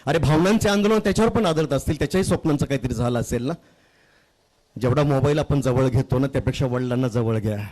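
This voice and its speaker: A man's voice: medium pitch, a little mellow. A middle-aged man from Maharashtra, a poet speaking to a live audience between his songs, humorous and full of asides, then earnestly pleading. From Maharashtra, India. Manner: humorous, talks straight to audience members, quick asides. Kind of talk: spoken storytelling between sung poems.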